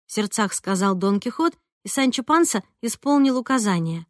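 A woman reading a first-person audiobook in an expressive, lively way. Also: medium pitch, moderate pace, no echo, studio quality. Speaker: audiobook narrator.

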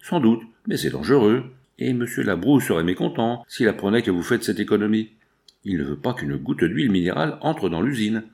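A man's voice: fairly low pitch, big pitch swings, a little fast, darkish tone. A man reading an audiobook voices a passionate, brooding factory foreman who pleads insistently. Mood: warning. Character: passionate working-class foreman, brooding and intense.

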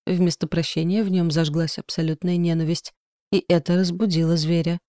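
A woman voicing a gloomy male spirit guardian who mentors a trainee, speaking grimly and slowly. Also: fairly low pitch, little pitch movement, warm tone, no room sound, clean studio sound, close to an everyday voice. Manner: grim, slow.

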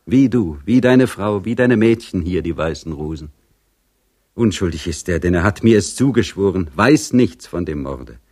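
A man's voice: low voice, expressive, moderate pace, darkish tone, husky. A man voicing an old serf woman, a grieving mother pleading with force and conviction for her son. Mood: impassioned. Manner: pleading, insistent, impassioned.

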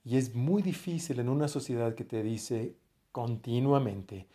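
Warm-voiced pastor preaching. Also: male voice, mid-range voice, a little slow. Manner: conversational, restarts phrases, voice often drops to a quiet close. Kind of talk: sermon.

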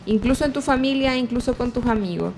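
Una mujer con acento chileno que conduce el programa, habla de forma reflexiva y pausada, con muletillas. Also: female voice, fairly high pitch, a little mellow, slight background noise. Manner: reflective, measured, many fillers. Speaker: host. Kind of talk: casual radio chat. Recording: faint background ambience.

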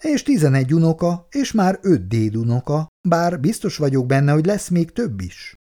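Jovial old grandfather, read by a man, lively storytelling lilt, mellow tone, audiobook. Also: on the high side, voice pushed up. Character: chatty older male farmer, grandfather.

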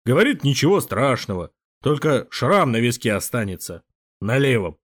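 A man voicing an agitated elderly prince who shouts in a cracking voice, in an audiobook. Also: medium pitch, sing-song, normal speed. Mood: worried. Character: agitated elderly Russian prince, old friend. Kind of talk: audiobook character voice.

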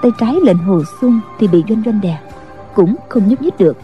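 A woman narrating a martial-arts novel audiobook in a steady, even storytelling manner. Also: medium pitch, moderate pace, dull audio, soft background music.

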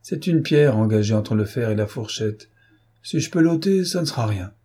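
Man doing a rough coach driver, loud swearing, rustic talk, higher pitched, husky. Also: lively intonation, moderate pace. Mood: sly. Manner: cursing loudly, rustic speech.

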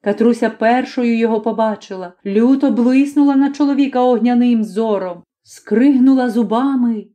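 A woman reads a fantasy tale aloud as an audiobook, measured and dramatic. Her voice sits fairly high, with a dark, mellow tone. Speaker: audiobook narrator. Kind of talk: storybook narration.

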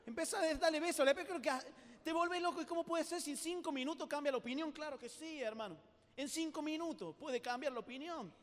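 A man with a Rioplatense Spanish accent giving an animated, humorous youth talk, acting out little scenes as he speaks. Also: very high-pitched, quick pace, long reverb tail. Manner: animated, acts out voices, jokes with the audience.

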